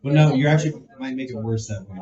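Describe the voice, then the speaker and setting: A man's voice: mid-range voice, fast talker. A man on a community meeting panel answering questions and giving casual, loosely phrased advice. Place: meeting hall. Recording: dull sound with crowd behind.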